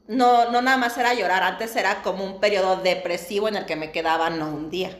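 A woman's voice: medium pitch, brisk, roomy sound. A woman in her thirties with a Mexican accent, co-hosting a casual chat podcast and telling personal stories openly, with frequent laughter. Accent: Mexican Spanish. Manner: candid, laughs often, animated storytelling. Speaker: podcast co-host.

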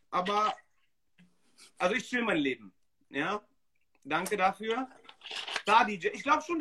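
A high, bright and slightly husky male voice. He hosts a casual livestream podcast and speaks bluntly and emphatically, full of slang. His delivery is lively and direct. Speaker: DJ and podcast host.

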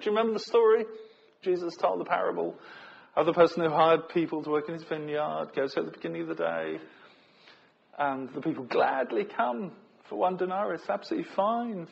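A man's voice: high-pitched, creaky, slightly rough. A man preaching a sermon in an earnest, conversational way, asking rhetorical questions. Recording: dull lo-fi recording.

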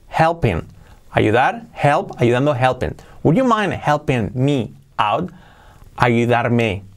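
Lively male English teacher drilling phrases. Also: medium pitch. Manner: repeats phrases slowly to model pronunciation. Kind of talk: video lesson for Spanish speakers.

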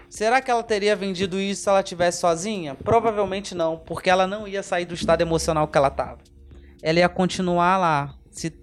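A Brazilian man hosting a motivational podcast, emphatic and repetitive, speaking straight to the listener as a mentor. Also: high-pitched. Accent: Brazilian Portuguese.

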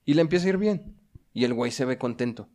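A Mexican man talking a film through with friends in loose, slangy chat. His pitch swoops up and down as he tells the story, giving it a lively, animated feel. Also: fast. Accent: Mexican Spanish. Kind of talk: casual chat about a film.

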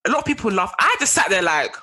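A woman's voice: medium pitch, big pitch swings, quick pace, bright, forceful tone. A young woman, chatting casually as a podcast co-host, often laughing and trailing off mid-sentence. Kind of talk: casual chat.

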